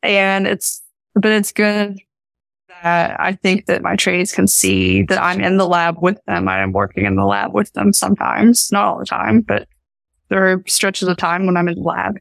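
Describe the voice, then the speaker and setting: With an Appalachian accent and noticeable vocal fry, a young professor and research scientist earnestly and informally answers a podcast's interview questions. Her voice is medium-pitched at normal speed, and the recording is dry.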